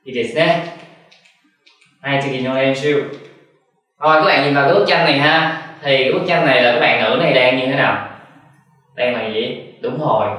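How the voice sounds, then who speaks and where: Male teacher, mid pitch, asks questions and answers them himself, recorded far off in a very echoey room. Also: pushed and bright. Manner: slow, drilled repetition of example sentences. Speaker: Japanese teacher. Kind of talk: language lesson.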